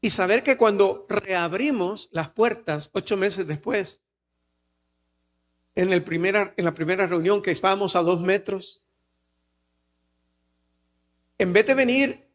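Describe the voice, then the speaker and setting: A man's voice: sits high, measured pace. A man with a Salvadoran Spanish accent preaching a sermon in a church, earnest and personal, sometimes rising to emphatic exclamations. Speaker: pastor.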